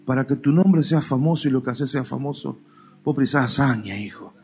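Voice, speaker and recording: A male pastor with an Argentine Spanish accent, preaching a lively, colloquial sermon with playful mock dialogues. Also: mid-range voice, fairly quick, a little hiss or hum. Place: church.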